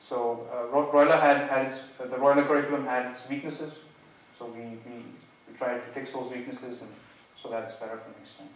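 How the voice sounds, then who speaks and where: A man's voice: medium pitch, fairly even intonation. Hesitant, hedging man in a very echoey room. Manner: nervous, hesitant hedging, halting with many false starts and repeats. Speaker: PhD candidate defending a thesis. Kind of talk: academic thesis defense, spontaneous answers. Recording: very echoey room, distant mic, faint noise.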